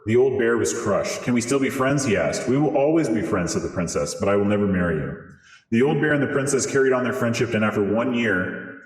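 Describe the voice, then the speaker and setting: A man reading a fairy tale aloud through a voice changer that morphs his voice, in steady storybook narration. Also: mid-range voice, a little fast. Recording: roomy with long reverb.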